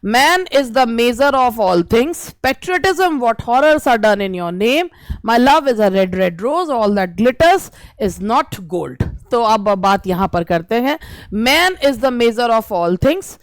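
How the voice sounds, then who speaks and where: A woman teacher, reading English exam questions slowly and explaining them at length. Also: fairly high pitch, lively intonation, no room sound. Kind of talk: exam-prep lesson.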